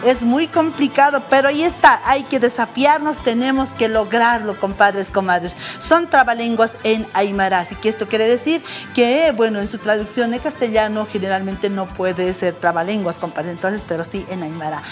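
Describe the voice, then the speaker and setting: A woman TV presenter, leading an animated live segment and calling out phrases for viewers to repeat. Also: fairly high pitch, normal speed, hardly any pauses, faint music behind. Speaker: TV presenter teaching Aymara. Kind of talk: live TV segment, lively teaching.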